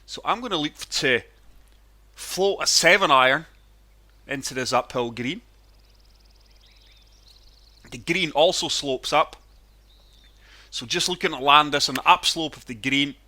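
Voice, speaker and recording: A man's voice: mid-range voice, a little slow, pauses often, pushed and bright. A man sounding chesty and wheezy from a cold, giving casual commentary on a golf video game as the channel's host. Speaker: gaming channel host and player.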